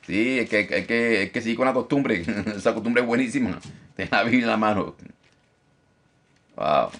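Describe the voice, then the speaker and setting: A man teaching a Bible study as pastor, animated, often repeating phrases and checking in with his listeners. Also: normal speed. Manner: lively, animated teacher who mimics critics in a high mocking voice. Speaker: pastor teaching a discipleship class.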